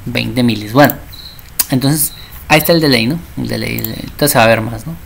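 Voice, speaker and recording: A man's voice: mid-range voice, a little fast, gravelly, fairly bright tone, slight background noise. A man teaching a programming class, chatty and constantly checking that his students understand. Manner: acts out little dialogues. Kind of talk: programming lesson.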